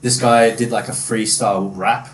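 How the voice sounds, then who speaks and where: A man's voice: fairly low pitch, fairly even intonation, normal speed. Laid-back Australian guy, echoey room. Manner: laid-back, swears a lot, many fillers. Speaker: podcast host. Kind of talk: casual chat. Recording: echoey room mic from a distance, faint noise.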